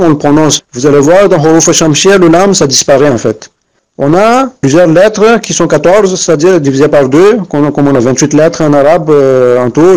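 A man's voice: fairly high pitch, darkish tone, poor audio. Man teaching, hesitant and repetitive. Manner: hesitant, with frequent fillers and restarts; repeats and spells out examples patiently. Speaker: Arabic reading teacher. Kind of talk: spoken lesson explanation.

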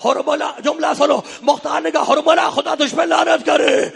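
A man delivering an impassioned mourning sermon, half chanting and crying out in sing-song wails that rise to shouts. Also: very high voice, level tone, creaky. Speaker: preacher reciting a mourning sermon. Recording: long hall reverb with faint crowd.

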